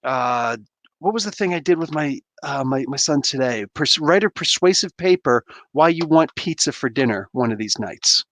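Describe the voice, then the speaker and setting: Animated and fairly bright, his mid-range voice keeps a moderate pace on a dry recording. He's a thirtysomething livestream host from New Jersey, laid-back and slangy, laughing often and rambling while he goes through chat and opens toys.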